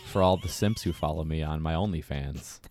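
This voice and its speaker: A man co-hosting a casual podcast, trading jokes with deadpan banter. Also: rumbling low, brisk, slight background noise. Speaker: podcast co-host.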